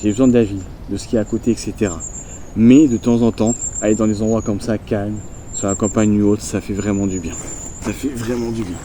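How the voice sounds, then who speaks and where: Out in the countryside on a nature walk, a congested man with a cold talks casually to his handheld phone camera, relaxed and chatty and prone to wandering asides. His voice is on the low side and brisk, with slight background noise.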